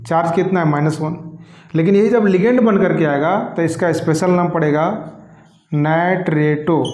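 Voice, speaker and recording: A man's voice: on the high side, darkish tone, reverberant. A man teaching a chemistry class who asks questions and answers them himself, repeating each key term. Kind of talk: classroom lecture.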